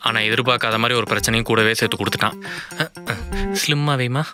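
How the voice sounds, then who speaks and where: A man's voice: mid-range voice, quick pace. A young man narrating to the audience and arguing as an exasperated husband in a comic short film. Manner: exasperated, addresses the audience directly. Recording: music bed under the voice.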